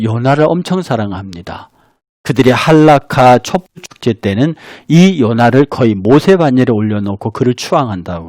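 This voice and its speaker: Animated Korean pastor preaching a sermon. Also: male voice, mid-range voice, no echo, studio quality. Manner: animated, acts out quoted dialogue of God and Jonah; conversational, addresses the congregation directly.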